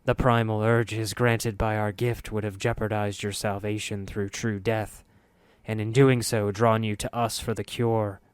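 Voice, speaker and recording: A man voicing a cold, unapologetic rat hive mind that speaks with a measured, commanding tone. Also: fairly low pitch, little pitch movement, clear, resonant tone, dry recording, close to an everyday voice.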